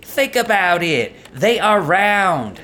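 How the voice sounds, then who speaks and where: A man plays a stubborn office coworker who swings his voice wildly from low to high as he presses his strange opinions. He speaks slowly and won't drop the point. Faint office hum and keyboard typing sit behind him. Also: heavily acted. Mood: insistent. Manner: insistent, repeats a flat catchphrase. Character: male coworker pushing odd unpopular opinions.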